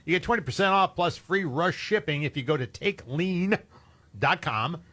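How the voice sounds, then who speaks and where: A man co-hosting a radio talk show, tossing in wry, quick asides. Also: on the high side, expressive, fairly bright tone. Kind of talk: casual studio banter and ad reads.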